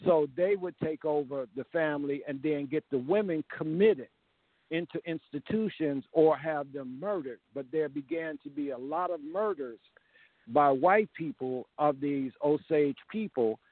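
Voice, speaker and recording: Man on a phone call, tinny line, slightly high voice, rambling history talk with restarts. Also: a little slow, no echo. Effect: heard over a phone call.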